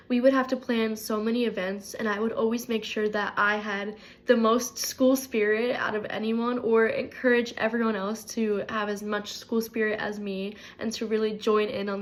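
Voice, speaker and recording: A bubbly, energetic woman of twenty-one introducing herself for a job, her voice a little stuffy from a cold. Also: fairly high pitch. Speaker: job applicant. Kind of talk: upbeat self-introduction video.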